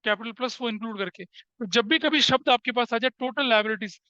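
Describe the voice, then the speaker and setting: A man's voice: very high-pitched, a little fast, sharp tone, clear, resonant tone, no echo, highs cut off. A male commerce teacher lecturing a class, asking questions and answering them himself, with English terms mixed into his Hindi.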